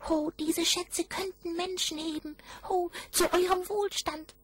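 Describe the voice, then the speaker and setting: A woman voicing a tiny, grateful male kobold with a very high, thin voice and sing-song calls. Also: steady tone, a little slow. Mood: wondrous.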